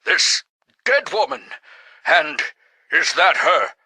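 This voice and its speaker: A blustery indignant king, grandiose and forceful, big swoopy old radio serial acting. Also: fairly high pitch, sing-song, slow pace, vocal fry, slightly rough, no echo, full character voice. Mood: stern, puzzled. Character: imperious, indignant king of a rocky settlement.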